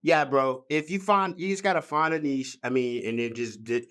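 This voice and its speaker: A man's voice: mid-range voice, moderate pace, fairly bright tone. A man, a real estate agent, chatting casually as a podcast guest in a laid-back, slangy way.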